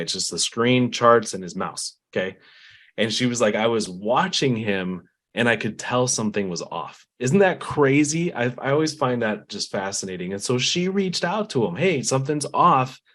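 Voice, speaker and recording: A man co-hosting a podcast, telling a story in a loose, conversational way and affirming with frequent yeahs. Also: mid-range voice. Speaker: podcast co-host. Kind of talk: casual podcast chat.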